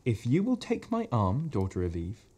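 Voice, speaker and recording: A man's voice: mid-range voice, huge pitch swings, normal speed, warm tone, slightly rough. A man voicing a timid, polite male faun who stammers and repeats his words anxiously. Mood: courteous.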